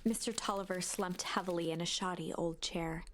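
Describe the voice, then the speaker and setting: A woman narrating a cozy mystery game in a scripted storybook style, often dropping to a hushed whisper. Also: fairly low pitch, fairly even intonation, normal speed. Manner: drops into a hushed whisper at tense moments. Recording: loud game music behind.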